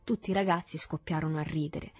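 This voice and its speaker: Woman narrator, husky, lowish, dry close sound, soft music behind. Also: no room sound. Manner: calm, measured storytelling. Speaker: reader. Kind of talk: scripted narration.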